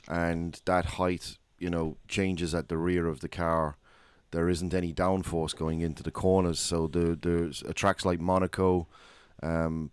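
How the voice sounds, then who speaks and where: Low, flat-voiced podcast co-host. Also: male voice, smooth, no echo. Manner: hesitant, repeats words while thinking aloud. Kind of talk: casual motorsport discussion.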